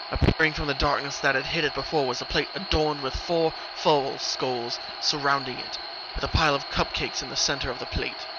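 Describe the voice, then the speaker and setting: Reading a scripted horror fan fiction story, a male narrator delivers it dramatically. A rumbling ambient background makes the recording noisy.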